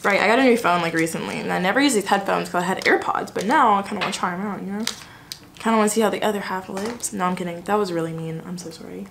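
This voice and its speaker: A woman's voice: medium pitch, fast talker, gravelly, noisy background. Young girl vlogging in a common room, chatty, kinda self-deprecating. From Alabama. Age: young adult. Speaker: student vlogger. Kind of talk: casual vlog chat.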